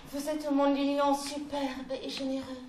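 A woman's voice: sits high, little pitch movement, slow, a little mellow. An actress playing a devoted, fearful young noblewoman in classical verse theatre, speaking her lines tenderly and with measure. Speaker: stage actress. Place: theatre stage. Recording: echoey stage, distant mic, faint hiss.

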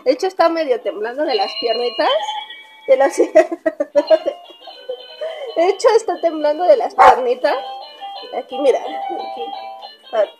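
Chatty high-voiced Mexican woman. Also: animated, unhurried, long pauses, over music. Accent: Mexican Spanish. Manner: chatty, coos and squeals at her dog. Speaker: vlogger. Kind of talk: casual pet vlog chat.

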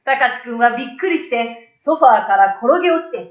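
Her voice on the high side, a middle-aged story reader narrates a children's tale from a script, briskly and with plenty of expression. She uses a desktop condenser mic in a small room, giving a roomy, somewhat dull recording.

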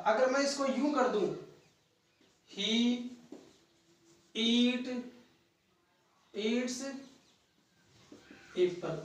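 A man's voice: high voice, far from the mic. A man teaching a grammar lesson, asking questions and then answering them himself. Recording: echoey room, voice from off-mic.

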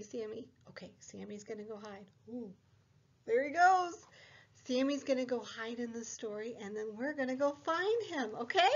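A young woman who teaches and hosts preschool story time reads a picture book to small children in a very lively, exaggerated sing-song, drawing out her words. Her voice is on the high side and unhurried, and the recording sounds slightly dull.

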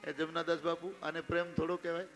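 Speaking fast and flat in a slightly high, somewhat bright voice, a Gujarati-accented Ram Katha preacher recounts the story expressively and talks straight to his listeners. Faint music plays behind this devotional sermon, which includes sung verses.

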